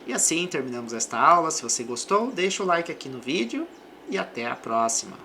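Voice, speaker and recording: A male teacher works slowly and carefully through English words and example phrases, repeating them for the learner. His voice is bright and slightly gravelly, with lively pitch movement. A faint hum sits behind him. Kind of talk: pronunciation lesson.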